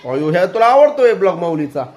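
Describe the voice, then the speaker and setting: A woman with a rural western Maharashtra Marathi accent, filming at home on a phone and gently coaxing a toddler with one question after another in a casual vlog. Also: fairly low pitch, very animated, fast talker. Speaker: family vlogger questioning a toddler.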